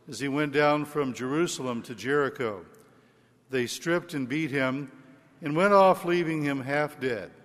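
A man speaking as a priest at a church service, reading and preaching with solemn, deliberate phrasing and measured pauses. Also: fairly high pitch, fairly bright tone. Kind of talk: liturgical Gospel reading and homily. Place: large reverberant church. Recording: echoey cathedral-like hall with long reverb.

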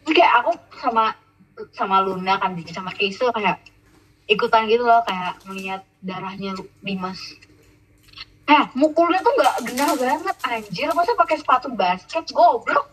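A teenage girl chatting casually with a friend, slangy and animated with lots of fillers. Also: a little high, moderate pace, poor audio. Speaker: podcast co-host. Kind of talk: casual gossip chat.

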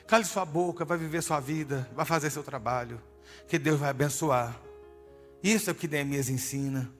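High-voiced emphatic male preacher, echoing hall. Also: normal speed. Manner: emphatic, addresses listeners directly as "my dear". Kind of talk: sermon. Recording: reverberant hall with music behind.

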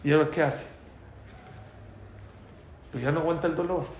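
A man's voice: on the high side, steady tone, normal speed, reverberant, slight background noise. A man teaching a religious class, telling stories and asking his listeners questions, using Hebrew terms. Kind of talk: storytelling class lecture.

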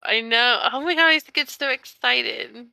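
A woman's voice: fairly high pitch, normal speed, vocal fry, bright, forceful tone, no room sound. A young woman co-hosting a podcast in casual chat, rambling and correcting herself as she goes, often laughing. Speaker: podcast co-host.

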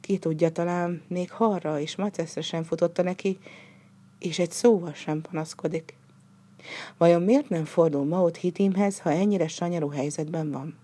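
A woman narrating a story in a steady, expressive reading style. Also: fairly low pitch.

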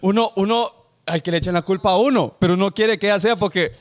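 A man's voice: high voice, quick pace. A man, co-hosting a casual podcast chat with playful banter and frequent laughter. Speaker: podcast co-host.

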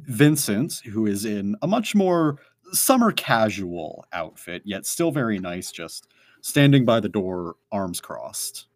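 A man's voice: on the low side, big pitch swings, slow, no echo. A man narrating a tabletop game as game master, rambling with many fillers. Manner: rambling, full of "like" and "um".

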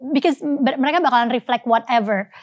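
Soft-spoken woman with a higher voice. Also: brisk, dry recording, studio quality. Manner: soft-spoken, calls herself anxious. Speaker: mother and podcast guest. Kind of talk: casual chat mixing Indonesian and English.

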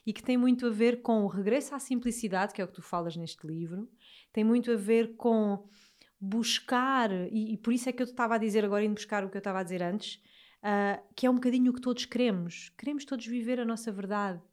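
A woman's voice: fairly high pitch, fast talker, a little mellow. Informal Alentejo Portuguese woman chatting. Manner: informal, affirming, repeats phrases. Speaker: host interviewing a guest. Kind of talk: casual chat.

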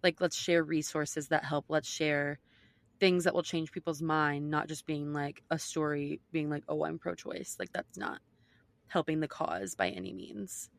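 Emphatic woman co-host, slightly low voice. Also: little pitch movement, measured pace, no echo. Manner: emphatic, heavy use of "like". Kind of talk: casual opinionated chat.

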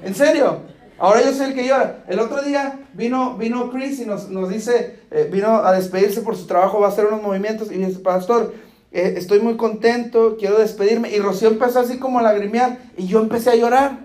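A man's voice: high-pitched, brisk, darkish tone. A man, preaching as a pastor. He keeps asking the congregation if they follow him, and he acts out little dialogues with humor. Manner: asks the congregation "¿Está conmigo?" again and again. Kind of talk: sermon. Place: church hall. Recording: echoey church hall.

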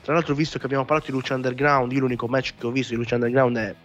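A man talks as the host of a casual commentary show. He rants with animated exasperation and swears freely. The sound is slightly dull and lo-fi, with faint music behind him. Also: medium pitch, rapid-fire. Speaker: podcast host. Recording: muffled lo-fi audio with music behind. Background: background music.

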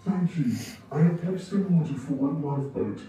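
A man voicing a know-it-all male talking gadget that speaks in stiff, flat announcements, heard from a distance in a roomy space with music behind. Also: on the high side, normal speed, natural voice. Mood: deadpan.

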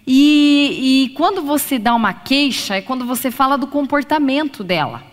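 A woman's voice: sits high, moderate pace. A woman psychologist giving a live lecture to an audience, talking expressively and acting out examples. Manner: expressive, acts out examples in voices. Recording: long reverb of a lecture hall.

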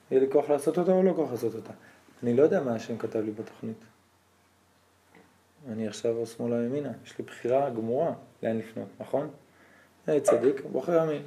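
Rabbi guy giving a lesson, animated storytelling, keeps asking "right?". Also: mid-range voice, pauses often. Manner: animated, questioning listeners.

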